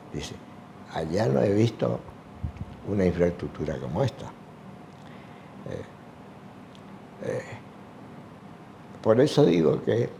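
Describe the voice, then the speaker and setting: Older man, low mellow voice, unhurried halting interview answers, faint hiss behind. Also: gravelly. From Argentina. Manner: slow, halting, with many fillers. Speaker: retired sports teacher.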